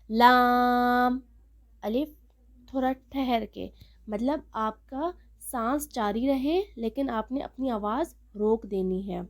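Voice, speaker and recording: A woman teaching a recorded lesson on reading Arabic letters as an online Quran teacher. She explains step by step and stretches letter names out slowly and loudly. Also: a little high.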